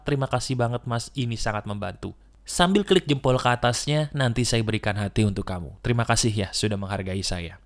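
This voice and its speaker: A man giving a motivational talk to his viewers, earnest and coaxing, repeating his key points. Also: medium pitch. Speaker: motivational speaker.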